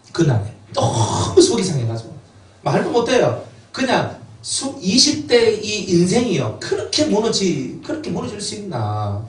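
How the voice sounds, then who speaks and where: Animated pastor preaching in a roomy church. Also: male voice, sits high. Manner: emotional storytelling, dialect quotes. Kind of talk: sermon with personal testimony. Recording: roomy, distant church mic with faint ambience.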